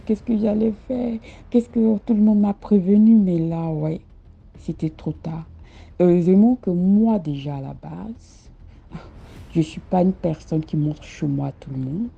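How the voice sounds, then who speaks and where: A woman's voice: sits low, vocal fry, mellow, slightly rough. A woman telling her own story in the first person, emphatic and fond of repeating herself for effect, on a dull lo-fi recording. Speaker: caller sharing a personal story.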